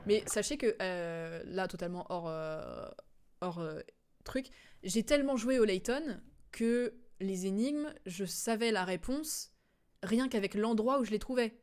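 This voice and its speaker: A woman streamer recaps a video game's story in a chatty, digressive way, giggling often and acting out quotes in slang. Her mid-range voice is smooth with a darkish tone, and she speaks unhurriedly.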